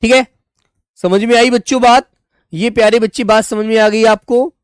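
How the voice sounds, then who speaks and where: A woman's voice: on the high side, fairly even intonation, clear, resonant tone, dry recording, studio quality. A woman teaching a live online class to young children, patiently drawing out words as she writes them and addressing the class as dear children. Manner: patient, stretches words slowly while writing; calls students "children" and "dear children" warmly.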